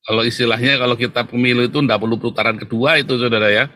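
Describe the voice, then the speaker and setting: A male host delivers a casual, emphatic monologue to his audience, constantly tagging lines with "saudara ya" and laughing at his own jokes. His mid-range voice is steady, bright and forceful, and he talks very fast.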